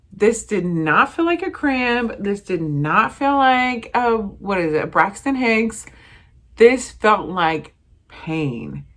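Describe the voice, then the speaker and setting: A young woman in her twenties, chatting casually to camera as a vlogger, animated and full of fillers as she acts out what everyone said. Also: mid-range voice. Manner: animated, lots of fillers and acted-out quotes.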